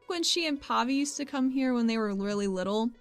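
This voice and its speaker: Giggly and informal, a woman improvises what her character does in a tabletop roleplaying game, speaking a little fast. Her voice is fairly high and animated, and music plays in the background of this casual roleplay narration.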